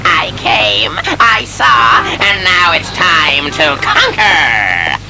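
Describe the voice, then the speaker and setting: An actor playing a gleeful, boastful costumed riddling villain in an audio drama, gloating theatrically. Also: male voice, high-pitched, wildly swooping pitch, very slow, creaky, heavily acted, rough recording. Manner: theatrical gloating, punctuated by laughter. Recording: loud music behind, cassette radio drama.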